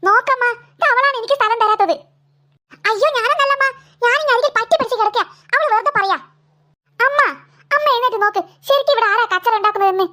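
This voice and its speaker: A woman's voice: very high voice, fast, pushed and bright. A woman voicing a bickering little girl in a cartoon, whining and pleading to her mother. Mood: whiny. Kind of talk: cartoon voice acting.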